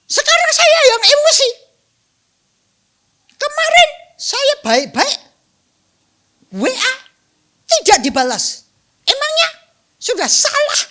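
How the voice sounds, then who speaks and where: A furious mother who shrieks her complaints in a piercing, very high voice, scolding and near tears. The tone is sharp and bright, strained at the top. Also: exaggerated voice. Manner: indignant, scolding, near crying. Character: furious shrill mother, middle-aged woman.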